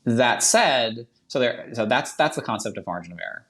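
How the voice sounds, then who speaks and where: A man with a Boston accent, a guest explaining polling on a podcast in a quick, chatty way full of fillers and self-corrections. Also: medium pitch, animated, fairly bright tone.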